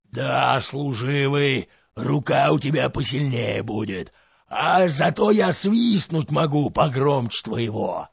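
A man voicing a boastful, clumsy male serpent-dragon in a folk tale, with a raspy, gravelly voice and a slow drawl. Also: mid-range voice, lively intonation, no echo, lo-fi sound, heavily acted.

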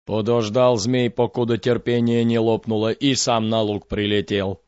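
A man telling a fairy tale in a measured, expressive storytelling voice. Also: on the low side, clear, resonant tone, no room sound, lo-fi sound.

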